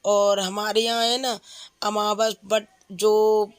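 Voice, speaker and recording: A woman's voice: medium pitch, flat delivery, slow. Woman, 30s, home cook vlogger; feverish, chatty, talks in a level, unvaried tone. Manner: chatty, explains each step of cooking. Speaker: vlogger, mother. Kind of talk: casual cooking vlog chat. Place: home kitchen.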